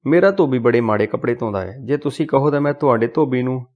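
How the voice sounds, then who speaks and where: A man's voice: medium pitch, fast, dull audio, lightly acted. A man voicing a deaf, doddering old male office clerk who keeps mishearing and asking again. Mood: befuddled. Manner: confused, mishears and asks again.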